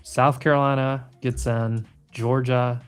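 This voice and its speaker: A man's voice: mid-range voice, level tone, a little slow, smooth, faint music behind. A man from New England hosting a live trading stream, bantering casually and teasing his co-hosts with firm opinions.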